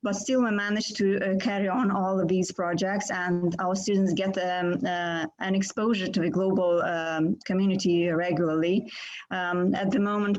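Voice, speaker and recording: A woman teacher giving remarks on a conference panel in a hesitant, measured way. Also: fairly low pitch, a little mellow. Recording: dull video-call audio.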